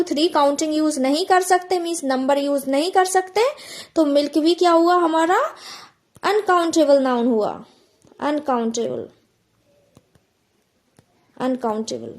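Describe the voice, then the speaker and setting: High-voiced woman teaching grammar. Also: a little mellow. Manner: asks the listener questions and answers them herself, repeats key words; slows down and stretches out example phrases.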